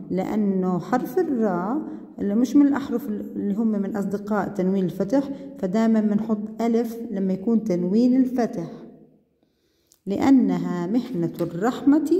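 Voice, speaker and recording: A woman gives a patient grammar lesson to children, drawing out key words and praising often. Her voice is deeply mellow and dark in tone. The recording has a long, lingering reverb. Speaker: primary school Arabic teacher.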